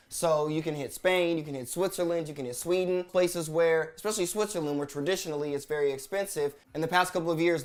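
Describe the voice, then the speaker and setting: Young man, high voice, vlog host, slangy, swearing, ranting commentary.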